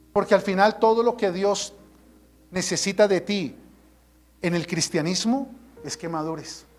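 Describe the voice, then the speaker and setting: Emphatic preaching male pastor. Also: high-pitched. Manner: emphatic preaching, rhetorical questions, acts out congregants' voices. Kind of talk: sermon.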